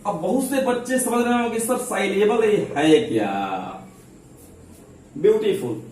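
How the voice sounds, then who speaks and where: A man's voice: high voice, sing-song, measured pace, a little mellow, a little hiss or hum. A man with a Hindi accent teaching English grammar in a classroom style, asking questions and answering them himself, calling listeners babu and chhotu. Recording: very echoey room, mic at a distance.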